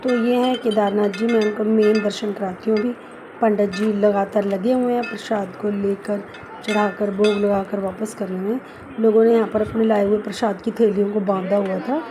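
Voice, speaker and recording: A woman narrates her pilgrimage travel vlog at a middle pitch, showing viewers the temples like a devout tour guide. Clear background noise sits under her voice throughout. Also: steady tone, moderate pace. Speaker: travel vlogger.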